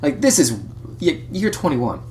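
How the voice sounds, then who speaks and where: A man's voice: a little high, sing-song, normal speed, a little mellow, slight background noise. A man in his twenties co-hosting a podcast, chiming in with short, profane reactions in casual chat. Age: 20s. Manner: brief reactions, swearing. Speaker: podcast co-host.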